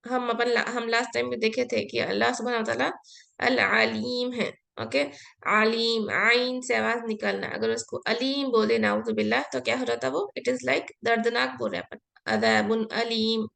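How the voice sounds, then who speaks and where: A woman's voice: a little high, steady tone, moderate pace, gravelly, a bit bright. A woman teaching an Arabic grammar class, explaining patiently step by step and mixing in English words. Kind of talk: online class lesson.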